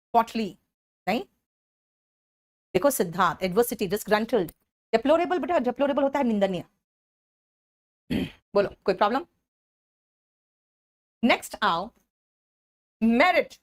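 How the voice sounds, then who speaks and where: A woman teacher with an Indian English accent explaining vocabulary for an exam-prep class, often checking in with her students. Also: on the high side.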